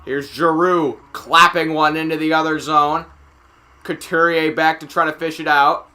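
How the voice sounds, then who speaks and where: A man calling a hockey game casually, play by play, getting excited on big plays and chatting in asides with filler words. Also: on the high side, unhurried. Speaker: amateur play-by-play commentator. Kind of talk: casual live game commentary.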